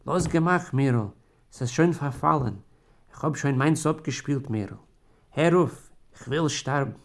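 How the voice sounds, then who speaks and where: A man doing a gravelly dying old klezmer. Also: fairly high pitch, lively intonation, unhurried. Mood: weary pleading. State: weak, dying. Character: dying old male klezmer musician, weary and remorseful.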